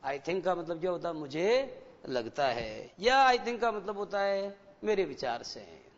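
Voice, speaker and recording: A man teaching an English class to schoolchildren, explaining slowly and asking them rhetorical questions. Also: sits high, very animated. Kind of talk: classroom lecture. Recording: dull lo-fi broadcast with long reverb.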